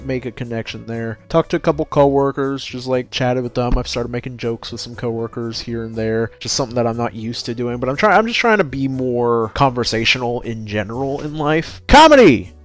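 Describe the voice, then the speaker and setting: A man talking casually in a rambling solo vlog, often correcting himself and breaking off mid-sentence. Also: mid-range voice. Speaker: vlogger.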